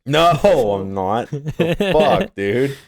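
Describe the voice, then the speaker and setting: A young man with a mid-range, expressive voice and drawn-out words co-hosts a casual podcast. He rambles through his thoughts in relaxed chat, swearing a lot and laughing often.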